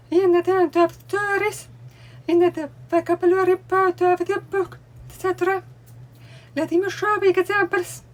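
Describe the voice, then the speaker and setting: At home in a room with a bookcase, a language learning vlogger with a very high-pitched voice explains things deliberately while showing books and signing along. She is a native Russian speaker with a Russian accent.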